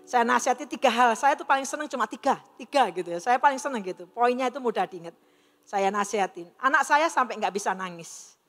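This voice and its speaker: A woman's voice: on the high side, expressive, fast, fairly bright tone. A middle-aged woman giving an earnest personal testimony to an audience in a large hall, acting out the dialogue she quotes as she tells her story. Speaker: testimony speaker. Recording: long reverb of a large hall.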